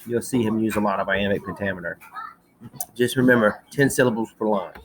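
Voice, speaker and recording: A woman's voice: extremely low pitch, brisk, crowd noise, poor audio. A woman teacher giving a recorded slideshow lecture in a chatty manner, checking in often with "okay".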